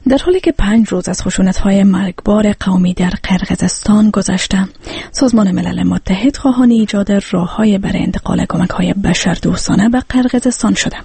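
Afghan-accented woman, very husky, gravelly, news presenter, dry studio. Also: mid-range voice, warm tone, no echo.

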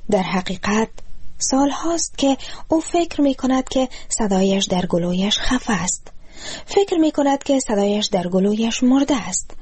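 A woman with an Afghan Dari accent reads a story aloud, calm and measured. Her voice is slightly husky and sits a little higher than most. She keeps an even storytelling pace. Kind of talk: storybook narration.

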